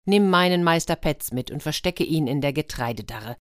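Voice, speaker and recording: A woman's voice: deep voice, animated, normal speed, no echo, clean studio sound. A woman doing a confident bear handler giving advice. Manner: confident, advising. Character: helpful, knowing male bear handler.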